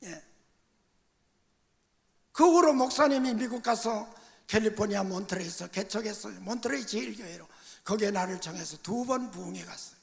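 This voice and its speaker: Gravelly high-voiced older male preacher. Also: lively intonation, normal speed, pauses often. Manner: storytelling, shifting between soft asides and emphatic bursts. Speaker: senior pastor. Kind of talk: sermon. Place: church sanctuary. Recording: reverberant church sanctuary.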